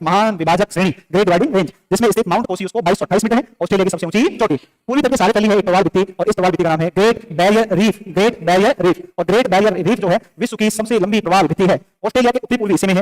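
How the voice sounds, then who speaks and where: A male teacher giving a classroom lecture, firing off questions and answering them himself, scolding and joking with the students in between. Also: high voice. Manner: drills facts with repeated questions and answers.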